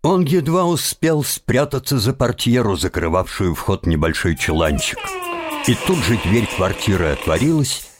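A man reading a children's novel aloud in a measured, expressive storytelling voice. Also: fairly low pitch, noisy background. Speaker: audiobook narrator. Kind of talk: scripted narration.

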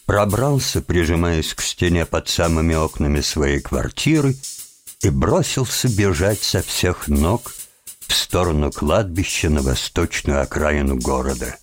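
A man reading a children's novel aloud in a measured, expressive storytelling voice. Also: sits low. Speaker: audiobook narrator. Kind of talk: scripted narration.

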